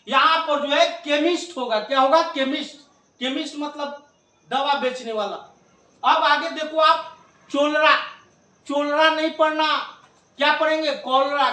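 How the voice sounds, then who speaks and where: Male tutor, high-pitched, drilling pronunciation, recorded from afar in a roomy space. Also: sharp tone. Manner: drills with repeated questions, coaxing the viewer. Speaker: English teacher. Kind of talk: classroom lesson at a board. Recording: echoey room, mic at a distance.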